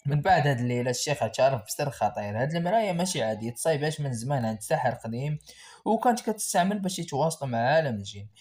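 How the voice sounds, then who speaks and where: A man's voice: medium pitch, lively intonation, racing, a little mellow. A man with a Moroccan accent narrating a horror story in a dramatic, suspenseful way.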